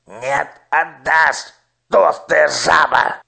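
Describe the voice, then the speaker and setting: A man voicing a cruel, scheming chief minister in an audiobook, slow and threatening. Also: medium pitch, no room sound, pitched above the performer's own voice. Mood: menacing. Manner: menacing, drawn-out, shouting.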